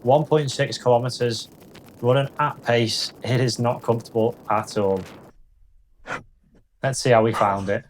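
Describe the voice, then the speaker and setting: Faint ambient noise sits behind a man's voice of medium pitch. He narrates a vlog in a casual commentary style, addressing viewers directly. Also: fairly even intonation, unhurried, pauses often.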